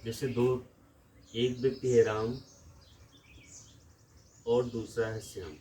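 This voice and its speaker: A man's voice: medium pitch, little pitch movement, slow, warm tone, recorded from a distance, slight background noise, rough recording. A man with a Lucknow Hindi accent teaching a maths lesson from a room in a village, explaining step by step and asking questions back to the class.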